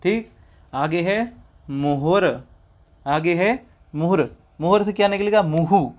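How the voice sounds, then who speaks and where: A man leads a slow, careful recitation lesson, sounding out every syllable and repeating each word again and again. His voice sits a little high for a man, and he takes his time between phrases. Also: darkish tone. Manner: patient, repeats each word several times. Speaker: teacher of a Jain scripture.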